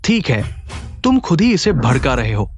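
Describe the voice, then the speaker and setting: Arrogant menacing boyfriend, boastful and threatening, drama dub. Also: male voice, mid-range voice, big pitch swings, unhurried, slightly rough, no room sound, studio quality. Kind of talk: Hindi drama dubbing.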